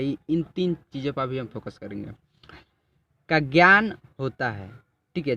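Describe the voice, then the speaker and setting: Casting: male chemistry teacher, slightly high voice, drawn-out explanations, dull lo-fi recording. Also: fairly bright tone. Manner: drawn-out explanatory, repeats and checks "ठीक है". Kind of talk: classroom lesson with a student.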